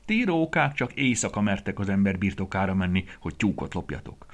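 A man's voice: low-pitched, sing-song, highs cut off. A man voicing a boastful, brave little male rabbit in a children's story, talking in a cocky, sing-song way.

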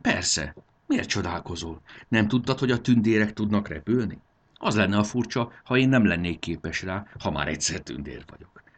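A man voicing a tiny, curious female fairy in a high, wondering voice with a husky edge. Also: animated. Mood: self-assured.

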